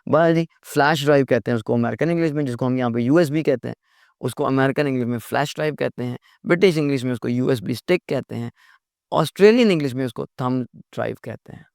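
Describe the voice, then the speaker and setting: A man teaches a lesson in a gravelly, creaky voice. He explains patiently, repeats key points and addresses the listener politely. The recording is close and dry. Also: mid-range voice, fast, darkish tone, dry recording. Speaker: English teacher. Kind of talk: lecture.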